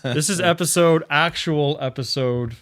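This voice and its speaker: A man's voice: fairly high pitch, normal speed, fairly bright tone. A man in his late thirties co-hosting a podcast, in loose, profane, laughing banter. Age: late 30s. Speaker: podcast co-host. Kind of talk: casual chat.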